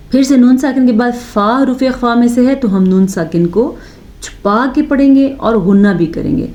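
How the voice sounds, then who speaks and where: A woman teaching Quran recitation, who explains step by step, points out common mistakes and recites phrases slowly with long held sounds. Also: a little high, dark tone, muffled recording. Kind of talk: slow step-by-step recitation lesson.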